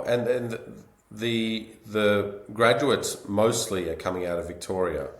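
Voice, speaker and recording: A man speaks in a deep, low voice, recorded in an echoey room. He hosts a podcast and asks his questions casually, in a loose conversational style. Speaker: podcast host. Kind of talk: conversational interview.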